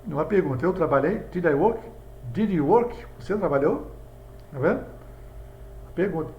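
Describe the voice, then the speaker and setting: A man's voice: on the high side, animated, normal speed, dull audio. A man with a Brazilian Portuguese accent, teaching English in a video lesson and walking students through examples. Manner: explanatory, talks students through examples on a board. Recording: echoey room with faint background hum.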